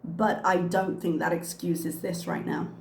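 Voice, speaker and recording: A woman who hosts a reaction commentary channel speaks frankly with frequent ums, her fairly low, steady voice unhurried and a little worn because a cough has her slightly losing it. The room is echoey with faint ambience.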